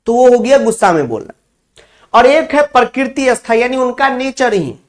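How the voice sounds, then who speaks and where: A man's voice: very high-pitched, expressive, moderate pace. A man from Bihar, teaching a Sanskrit class online and explaining the text word by word, repeating key points for his students. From Bihar, India.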